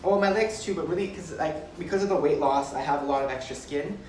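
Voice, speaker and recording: A man's voice: fairly high pitch, fast, a little mellow, a little hiss or hum. Man in his thirties explaining, echoey and distant. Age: 30s. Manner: friendly, explanatory, says yeah a lot. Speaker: vlogger co-host. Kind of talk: casual chat. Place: outdoor cruise ship balcony by the ocean.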